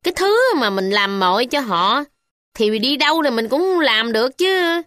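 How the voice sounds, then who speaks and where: A woman's voice: sing-song, measured pace, no room sound, studio quality, exaggerated voice. Woman doing a fiery scolding country wife. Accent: Southern Vietnamese. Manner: sharp, scolding, raised pitch. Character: fiery poor village wife, scornful and bold.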